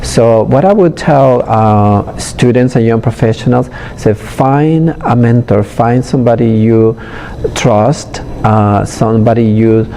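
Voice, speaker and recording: A middle-aged man from Honduras, answering interview questions in a hesitant way with many pauses. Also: mid-range voice, mellow, slight background noise. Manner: hesitant, frequent pauses and fillers. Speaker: interviewee, public health professional.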